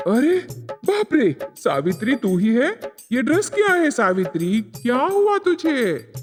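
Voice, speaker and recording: An old village husband from a storybook cartoon, put on by a woman, complaining slowly in a flustered, lowered voice. His pitch swings up and down as he frets. The voice rings with long reverb over faint background music. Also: big pitch swings, heavily acted. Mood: baffled. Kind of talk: storybook character voice.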